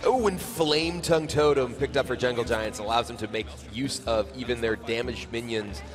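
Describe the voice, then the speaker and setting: A man's voice: mid-range voice, normal speed, over music. Male color commentator, explaining plays. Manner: explanatory, detailed analysis. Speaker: esports co-caster.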